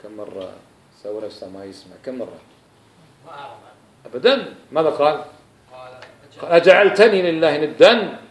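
A man preaching a sermon, rising to loud insistent emphasis and then dropping low. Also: lively intonation, moderate pace, long pauses, roomy sound.

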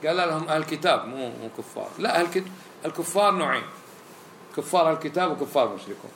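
Animated preacher, fast and roomy. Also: male voice, a little high, slight background noise. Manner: animated, acts out quoted voices. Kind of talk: sermon. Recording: roomy echo, faint ambience.

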